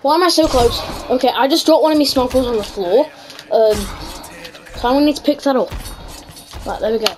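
A woman's voice: fairly high pitch, a little fast, long pauses, noisy background. A woman giving chatty, casual gameplay commentary as host, reacting aloud to the game. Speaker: gaming video host. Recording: music behind the voice. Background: background music.

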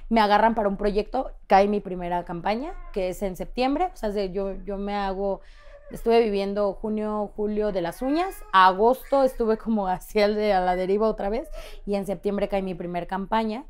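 A woman's voice: mid-range voice, moderate pace, smooth. A young woman with a Mexican accent, telling personal stories as a podcast guest and acting out the voices of people she quotes. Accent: Mexican Spanish. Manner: lively storyteller who acts out quoted voices. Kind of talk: casual storytelling interview.

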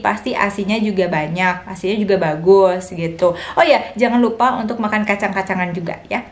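A young woman, chatting frankly to her viewers as a vlogger and new mother, and acting out what others said to her in a raised voice. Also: mid-range voice. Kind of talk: casual chat to viewers.

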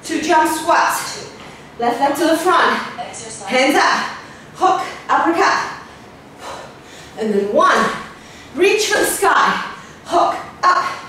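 A woman's voice: sits high, lively intonation, slow pace, pauses often, pushed and bright, slight background noise. A woman fitness instructor coaching a workout with short encouraging cues, out of breath as she exercises along. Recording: roomy, from far off.

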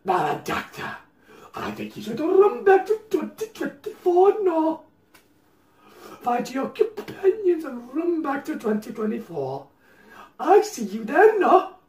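Performer playing a theatrical villain showman, gloating, slow, wild swoops, roomy distant mic. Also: sits high, very animated, darkish tone, full character voice. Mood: menacing. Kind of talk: fan audio drama acting.

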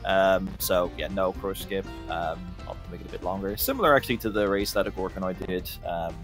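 A man's voice: low-pitched, brisk. A man with an Irish accent, giving casual commentary as host of a video game race. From Ireland. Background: video game music.

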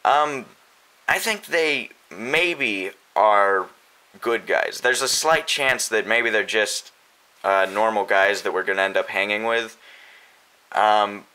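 A man's voice: fairly low pitch, a little slow, pushed and bright, low-quality recording. A young man casually answering viewer questions as host of a fan video, chatty and unscripted, with many fillers and restarts.

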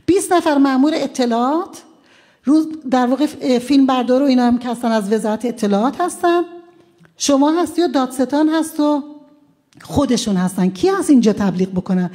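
A woman's voice: sits high, lively intonation, dark tone. A woman from Iran, a defense lawyer, recounting courtroom events at a press conference in a conversational way, with frequent hesitant fillers.

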